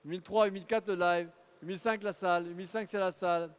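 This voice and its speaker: High-voiced man calling car auction bids. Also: steady tone, clear, resonant tone. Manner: rapid rhythmic bid calling, urging bidders. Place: auction hall. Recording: long hall reverb.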